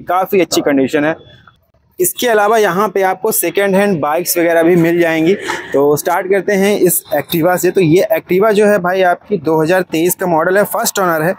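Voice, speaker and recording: A young man vlogging casually from an outdoor used car lot, chatty and friendly, calling the viewer brother and mixing English words into his talk. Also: a little high. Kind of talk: casual walkaround commentary.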